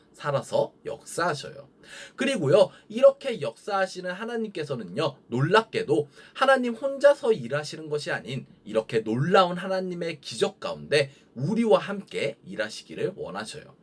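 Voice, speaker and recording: Husky sing-song children's preacher, man. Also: fairly high pitch. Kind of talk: children's sermon.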